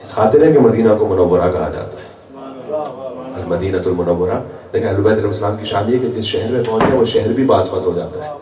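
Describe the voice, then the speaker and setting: Male preacher giving a sermon, lowish voice, slips into chanting quotes, echoey hall, mic kinda far off. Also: a crowd in the background. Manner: mixes chanted Arabic quotations with explanation. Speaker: guest preacher. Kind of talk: religious sermon at a majlis gathering. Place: large hall at a religious gathering.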